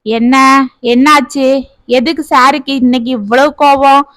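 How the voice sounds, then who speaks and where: A woman voicing a caring older grandmother who calmly reasons with her husband. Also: sits high, a little slow, no room sound. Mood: gentle. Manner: soothing, reasoning gently.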